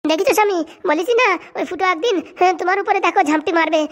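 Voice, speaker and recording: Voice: very high voice, very fast, fairly bright tone. A voice actor playing a whiny, melodramatic, scheming young wife in a cartoon comedy.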